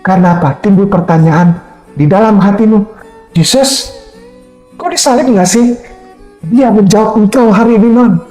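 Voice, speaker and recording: A man's voice: extremely high pitch, darkish tone. Brief: male preacher, emphatic, keeps asking rhetorical questions, roomy sound with faint music. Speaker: Islamic preacher. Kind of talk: animated preaching to a convert.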